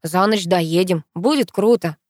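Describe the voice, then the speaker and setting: A woman's voice: lowish voice, a little slow, darkish tone, no room sound, studio quality, lightly acted. A woman voicing a cheerful, boastful young man who talks eagerly.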